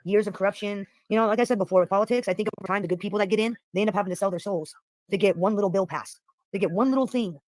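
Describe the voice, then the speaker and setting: American male streamer, rambling profane rant, very fast delivery, dry mic. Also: high voice, no room sound. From United States. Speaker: livestream host. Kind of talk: casual political rant on a livestream.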